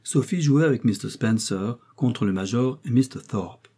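Mellow, husky male narrator. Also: mid-range voice, lively intonation, moderate pace. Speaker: audiobook narrator. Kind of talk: scripted literary narration.

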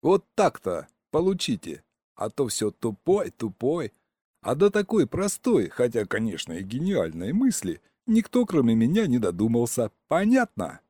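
A man's voice: medium pitch, huge pitch swings, a little slow, mellow, breathy edge, no room sound, exaggerated voice. Man voicing a dry, smug crewman, close and dry sound. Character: businesslike smug male crew member.

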